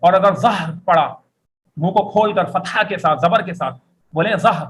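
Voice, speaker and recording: A man's voice: high-pitched, moderate pace, fairly bright tone. A man teaching Arabic words in an echoey classroom. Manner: drills vocabulary, has students repeat words. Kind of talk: classroom lecture. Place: classroom with students and a board. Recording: echoey room, faint background noise.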